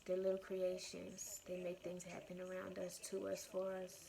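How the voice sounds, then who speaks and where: A woman host giving a casual, reflective monologue to her followers, earnest and meandering, circling back over her phrases in a creaky voice. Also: lowish voice, completely flat delivery, moderate pace, warm tone. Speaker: spiritual self-love podcast or vlog host.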